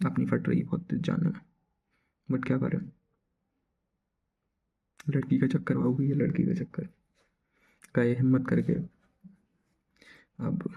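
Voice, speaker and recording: Gravelly young man telling a story. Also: medium pitch, highs cut off. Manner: chatty slangy retelling with quoted dialogue. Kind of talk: casual storytime narration.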